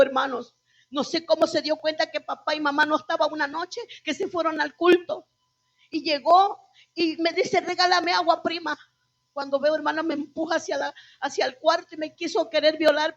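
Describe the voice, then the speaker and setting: High-voiced woman pastor giving testimony. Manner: emotional, addresses the congregation as brothers. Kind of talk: testimony sermon. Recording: dull lo-fi church recording.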